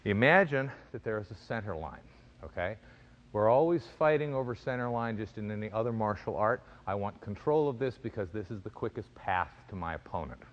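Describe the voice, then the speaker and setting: Low-voiced man teaching with crisp fencing commands. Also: animated, muffled recording. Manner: measured explanation with crisp, clipped fencing commands. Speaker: fencing and self-defense instructor. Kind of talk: instructional demonstration.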